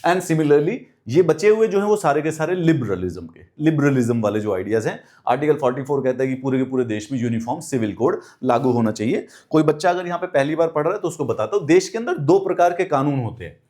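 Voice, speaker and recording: Young man, exam-prep lecturer, slightly high voice, repeats key points, rhetorical questions, mouth ulcer. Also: expressive, fast, hardly any pauses, darkish tone. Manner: emphatic teacher, repeats key phrases, asks rhetorical questions. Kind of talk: classroom lecture mixing Hindi and English.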